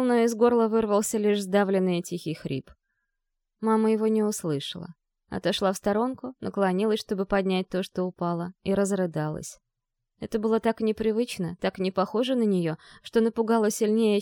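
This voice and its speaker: A woman's voice: mid-range voice, normal speed, mellow, dry recording, clean studio sound. A woman narrating a first-person story in an emotional, vivid storytelling manner.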